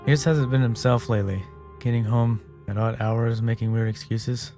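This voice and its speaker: A man voicing a worried otter wife who hires a detective, read softly and hesitantly. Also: medium pitch, steady tone, normal speed, faint music behind, natural voice.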